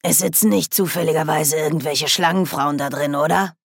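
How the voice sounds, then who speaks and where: A woman's voice: sits low, steady tone, brisk, vocal fry, husky, no room sound, clean studio sound, heavily acted. A woman reading an audiobook, voicing a stern, proud old witch in a curt, commanding way. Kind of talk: audiobook character voice.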